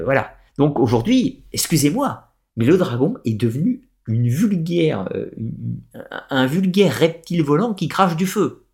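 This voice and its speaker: A man's voice: fairly high pitch, darkish tone. Hesitant French-speaking man explaining on a live stream. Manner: digressive explainer with frequent hesitations. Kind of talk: live-stream talk answering chat comments.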